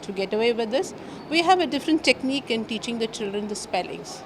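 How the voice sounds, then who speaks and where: A woman talks very slowly and haltingly, pausing between phrases. Her voice is fairly high, with faint vehicle noise in the background. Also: animated. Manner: slow, halting, with pauses. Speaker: school official. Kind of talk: interview statement.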